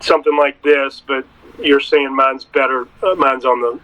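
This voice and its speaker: A man's voice: mid-range voice, fairly even intonation, moderate pace, sharp tone. A man chats casually as a learner, asking questions and confirming what he is told, on a muffled recording. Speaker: boat owner being taught. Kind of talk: casual question-and-answer chat. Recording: dull, muffled lo-fi sound.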